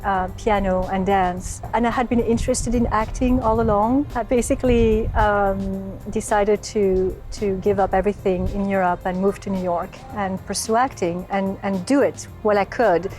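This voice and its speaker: A woman from France answers an interviewer in a mid-range voice, thoughtful and halting, with plenty of fillers. Faint music sits underneath her. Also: mid-range voice, fairly even intonation, darkish tone. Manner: thoughtful, many fillers and restarts. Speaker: actress and voice actor, interview guest.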